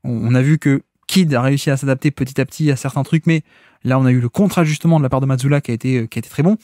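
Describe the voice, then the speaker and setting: A man's voice: medium pitch, very fast, darkish tone, dry recording, clean studio sound. Man breaking down basketball tactics. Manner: analytical, unscripted, explains tactics step by step. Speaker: basketball podcast host. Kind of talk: solo tactical debrief podcast.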